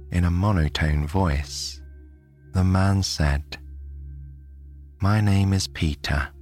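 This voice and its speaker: A British man from the United Kingdom narrating a bedtime sleep story in a soft, soothing way. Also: sits low.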